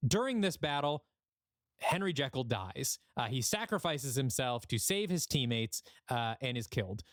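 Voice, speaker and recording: A man's voice: medium pitch, expressive, moderate pace, a bit bright, no echo, clean studio sound. A man hosting a podcast, giving a casual recap of a story. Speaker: podcast host.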